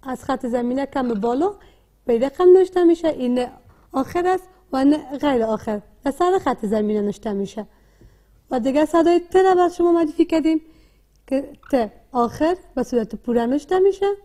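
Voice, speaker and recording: A woman with a Dari accent teaching a literacy lesson, asking questions and answering them herself in a slow, deliberate way. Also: sits high, expressive, mellow. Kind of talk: classroom lesson.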